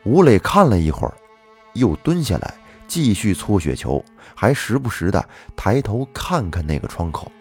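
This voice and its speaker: Husky-voiced male storyteller. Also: on the low side, normal speed, faint music behind. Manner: lively, expressive, acting out quoted voices. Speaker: storyteller host. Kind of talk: dramatic storytelling narration.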